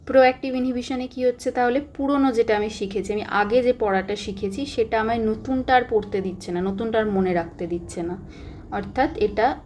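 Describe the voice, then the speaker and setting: Woman, young adult teacher, exam revision lesson, emphatic and repetitive, mid-pitched voice. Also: darkish tone, slight background noise. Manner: emphatic, repeats key points, mixes English terms. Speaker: psychology teacher.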